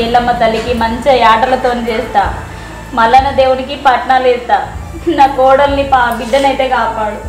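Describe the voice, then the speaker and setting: Actress as a high-voiced anxious mother-in-law, pleading, very echoey room. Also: natural voice. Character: fretful village mother-in-law praying to many gods. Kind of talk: short film acting.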